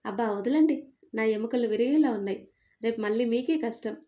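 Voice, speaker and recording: A woman's voice: on the high side, brisk, close to an everyday voice. A woman voicing a middle-aged mother who scolds with sarcasm but stays loving. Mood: sarcastic. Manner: sharp-tongued and sarcastic, then fond.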